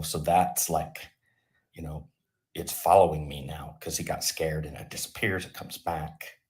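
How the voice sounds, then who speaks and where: A man hosting his channel, telling a rambling comic story off the cuff with a deadpan, absurd humor. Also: a bass voice. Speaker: channel host.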